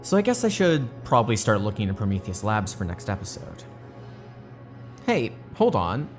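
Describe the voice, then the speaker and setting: A woman playing a weary, easily startled doctor at a secret research site in an audio drama, casual and halting. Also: a bass voice, very animated, darkish tone, soft background music. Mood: musing.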